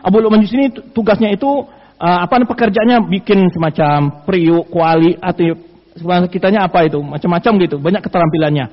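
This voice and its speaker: Man, high voice, sermon, dull lo-fi sound. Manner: explains hadith, switching to recited Arabic quotes. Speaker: preacher. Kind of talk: Islamic study sermon. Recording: dull lo-fi audio in a reverberant hall.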